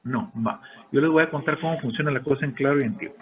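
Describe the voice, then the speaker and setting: A man lectures his class over a call and tells stories, playing out other people's lines with loud bursts. His voice sounds muffled and a bit dull. Steady noise runs behind him. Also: medium pitch, fast. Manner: lively storyteller, acts out shouted quotes. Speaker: university lecturer. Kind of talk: online class lecture with anecdotes.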